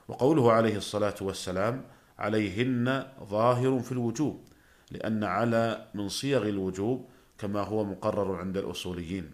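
A man with a fairly low voice delivers a scripted religious lecture. He speaks formal standard Arabic with measured, classical diction, in the manner of a scholar presenting on the radio.

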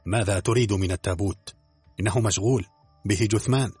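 A smooth-talking bald swindler, fawning one moment and cool the next, as a man reads him in an audiobook. The voice is low and husky and rattles along quickly. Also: darkish tone, no room sound, soft background music. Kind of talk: audiobook character reading.

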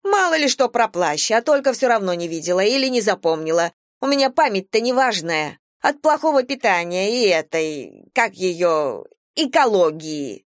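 A woman's voice: mid-range voice, sing-song, moderate pace, hardly any pauses, no echo, clean studio sound, voice pushed up, lightly acted. A woman voicing a whining, cunning middle-aged homeless woman in an audiobook, wheedling and sly. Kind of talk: audiobook character voice.

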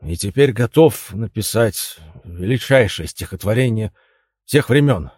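Man doing a pompous poet husband, slow declaiming, husky voice, dry close sound. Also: lowish voice, lively intonation, a little mellow, no echo. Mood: grandiose. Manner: self-important, declaiming. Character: grandiose poet husband, arrogant and stubborn. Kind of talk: audiobook dialogue reading.

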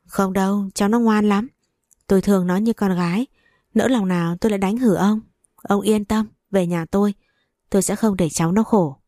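A woman's voice: medium pitch, fairly even intonation, moderate pace, dark tone, no room sound, studio quality, close to an everyday voice. A woman reading a wealthy, two-faced middle-aged mother-in-law in a storybook tale, sugary-sweet yet cutting.

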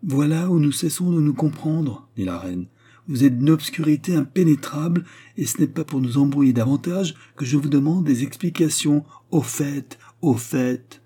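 A man voicing a proud, haughty queen in an audiobook reading, his voice raised higher and delivered in an imperious, demanding way. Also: big pitch swings, moderate pace, few pauses, mellow, slightly rough.

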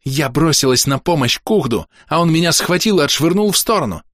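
A man's voice: a little high, animated, a little fast, a bit bright, no room sound, studio quality, pitched above the performer's own voice. A man voicing a spiteful fox-tailed young woman who snarls and sneers in a raised voice. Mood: venomous. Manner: snarling, venomous.

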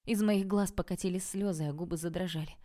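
Low mellow woman narrating an audiobook. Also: steady tone, fast. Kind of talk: first-person audiobook narration.

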